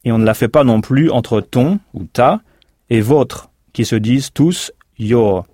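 A man's voice: medium pitch, unhurried, mellow, husky, no room sound, clean studio sound. A man teaching in a recorded language course, explaining patiently and spelling words out letter by letter. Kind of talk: recorded language lesson narration.

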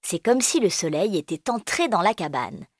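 A woman reading a children's storybook aloud, gentle and expressive. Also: mid-range voice, moderate pace, no room sound, clean studio sound.

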